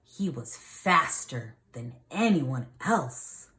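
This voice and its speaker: The voice is a woman's, very deep yet fairly bright, with big pitch swings. As a teacher, she reads a picture book aloud to kids, breaking off to question them and explain in simple words.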